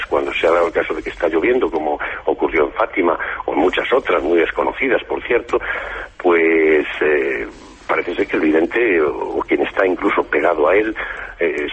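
A man, a guest author on a radio talk show, recounting events slowly with frequent hesitations, speaking. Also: sits low, breathy edge. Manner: slow, measured recounting with hesitations. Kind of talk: radio interview, storytelling. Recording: lo-fi phone-like radio line.

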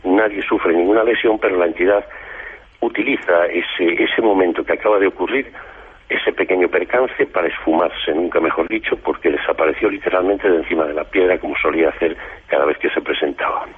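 A man, a guest author on a radio talk show, recounting events slowly with frequent hesitations, speaking. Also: low-pitched, breathy edge. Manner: slow, measured recounting with hesitations. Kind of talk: radio interview, storytelling. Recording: lo-fi phone-like radio line.

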